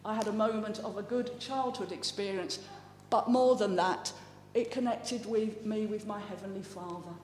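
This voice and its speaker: A man from South East England giving a halting, heartfelt talk with slides, sharing a personal testimony. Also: sits high, darkish tone, slight background noise. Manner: halting, heartfelt, with many restarts. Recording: echoey hall with long reverb.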